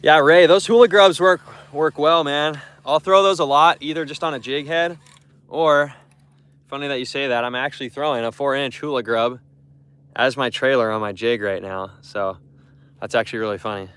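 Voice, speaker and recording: A man's voice: medium pitch, normal speed, fairly bright tone, clear, resonant tone. A young man chatting casually to his live stream viewers while fishing from a boat on a lake, rambling and repeating himself. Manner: rambling, repeats words, talks to chat.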